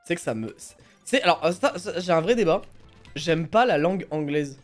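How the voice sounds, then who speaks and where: A woman streaming a game live, chatting casually and excitably with her audience and her co-player, often breaking into laughter. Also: lowish voice, normal speed, faint music behind. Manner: excitable, bursts of laughter, teasing. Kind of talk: casual live-stream chat while gaming.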